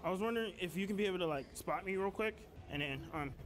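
A man's voice: high voice, quick pace. A man on a prank video, acting out a clueless, whiny gym-goer as he talks to strangers in a gym. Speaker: prank YouTuber. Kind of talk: in-character prank talk. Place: indoor gym.

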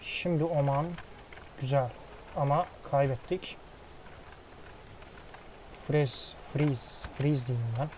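Excitable man calling a football game. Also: medium pitch, takes it slowly, long pauses, slight background noise, low-quality recording. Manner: excitable play-by-play, swears casually. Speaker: gaming commentator. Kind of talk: casual football game commentary.

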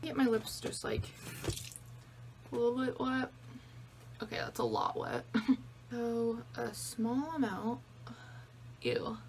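A woman's voice: on the high side, sing-song, slow, gravelly, long pauses, darkish tone, a little hiss or hum. Chatty teenage girl vlogging from her bedroom. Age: teens. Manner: chatty, rambling, lots of "like" and "I don't know". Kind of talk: casual vlog chat. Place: bedroom, indoors. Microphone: phone camera at arm's length.

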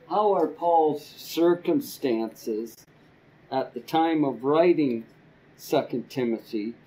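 An older man teaching a church Bible class from a podium, slow and halting with frequent ums and repeated words. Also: medium pitch, mellow, low-quality recording. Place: church classroom with a projector screen. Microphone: podium microphone.

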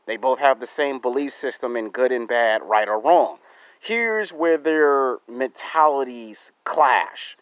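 An American man in his thirties talking deliberately to his subscribers in short, emphatic, repetitive phrases, outdoors into a close phone. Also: mid-range voice, no echo. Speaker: YouTube vlogger. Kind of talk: monologue to camera for subscribers. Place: outdoors in a residential yard. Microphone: phone held close to the face. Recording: dull, lo-fi phone audio.

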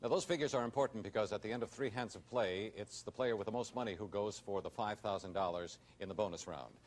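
A man's voice: fairly low pitch, quick pace. A middle-aged American man hosting a game show, announcing each move with suspense in a commentary style. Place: television studio. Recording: noisy vintage TV studio recording.

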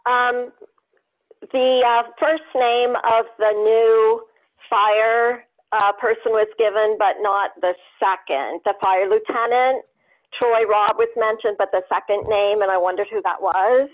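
A woman's voice: on the high side, steady tone. A woman resident calling in by phone to ask a question at a council meeting. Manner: slow, plain questioning. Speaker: resident caller. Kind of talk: public comment by phone. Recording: telephone line.

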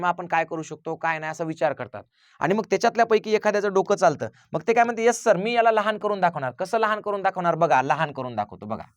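A man's voice: high-pitched, dry recording, studio quality. A male teacher, talking to parents, asking rhetorical questions and answering them himself. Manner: acts out children's quoted lines. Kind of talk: parent advice talk.

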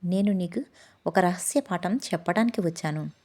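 A woman voicing a gentle, wise magical bull in a children's storybook, speaking softly and patiently. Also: fairly low pitch, normal speed. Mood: gentle advice. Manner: soft-spoken, patient teaching.

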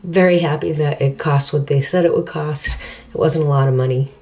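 A middle-aged woman speaking with new dentures in a casual video diary, halting and repeating her words as she thinks aloud. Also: deep voice, warm tone. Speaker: vlogger.

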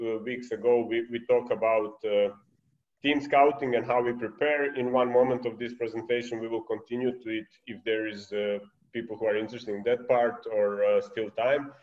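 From a bright room next to a window, a Serbian-accented basketball coach in his thirties speaks conversationally as a guest on a video call, which sounds muffled and echoey. His voice sits at a medium pitch, with a steady tone and a moderate pace, as he gives an online presentation.

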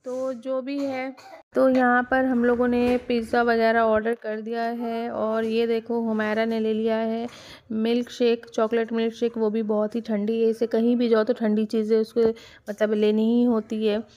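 Chatty woman vlogger, flat higher voice. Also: normal speed, dull audio. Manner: chatty, rambling with many fillers. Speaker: family vlogger. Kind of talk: casual vlog voice-over narration.

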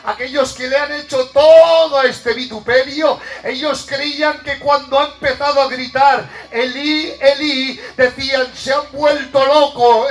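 A man preaching a fervent evangelical sermon at a church service, often shouting with passion. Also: extremely high pitch. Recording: distant mic with music behind.

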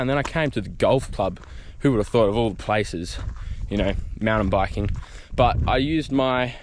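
A man's voice: medium pitch, slight background noise. Rambling Australian guy vlogging outdoors. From South Australia. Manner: chatty, rambling, jokey with lots of ums. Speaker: mountain bike vlogger. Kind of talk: casual vlog chat. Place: outdoors on bush trails.

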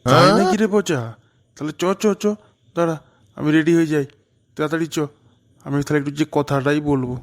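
Cartoon: man playing a heartsick young villager; raised, gravelly, eager and dramatic. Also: a little high, fairly even intonation, a little fast, long pauses, darkish tone, close to an everyday voice. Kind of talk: animated cartoon voice acting.

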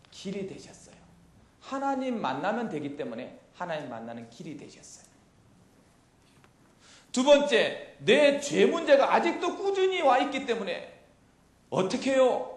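A middle-aged man preaching a youth sermon into a handheld mic in a church hall, animated and quizzing his listeners with questions. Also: very high-pitched. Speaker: pastor. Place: church hall with chalkboard, indoors.

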